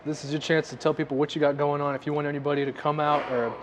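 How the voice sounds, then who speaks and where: A man's voice: fairly high pitch, level tone, very fast, slight background noise. A young adult man hosting a casual interview in a restaurant, upbeat with lots of filler words. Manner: upbeat, filler-heavy, says like a lot. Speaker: host. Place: restaurant, indoors.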